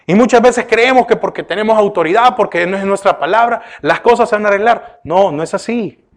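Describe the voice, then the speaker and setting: A male pastor delivering a sermon, questioning his listeners often and turning from emphatic bursts to hushed remarks. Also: sits high, a little fast. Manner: preaching with repeated rhetorical questions to the congregation; often addresses listeners with "oiga" and "¿verdad?".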